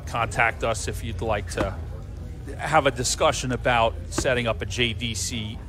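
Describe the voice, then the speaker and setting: A man's voice: medium pitch, fairly even intonation, normal speed, a bit bright. Male darts commentator over faint music. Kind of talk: live sports commentary.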